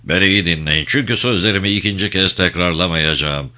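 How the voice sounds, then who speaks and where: A man's voice: sits low, fairly quick, bright, forceful tone. A man voicing a blunt defiant soldier.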